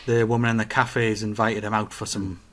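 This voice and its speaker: A man, chatting casually as a podcast co-host, telling stories with animated acted-out quotes. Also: on the low side, brisk. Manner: animated storytelling, acts out quotes. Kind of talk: casual chat.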